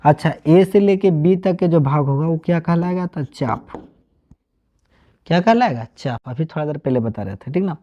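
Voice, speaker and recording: Man, Bihari accent, math teacher, asks and answers himself, slightly high voice, dull lo-fi recording. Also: normal speed, dark tone. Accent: Bihari, Magahi-tinged Hindi. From Bihar, India. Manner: asks questions and answers them himself, mixing regional dialect. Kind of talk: online classroom lesson. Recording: dull lo-fi sound.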